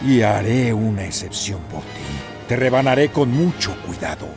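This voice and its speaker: An actor playing a sneering, menacing, calculating pirate villain in a Latin American Spanish anime dub. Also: male voice, fairly low pitch, lively intonation, normal speed, creaky. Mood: sneering menace. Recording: loud music behind the voice.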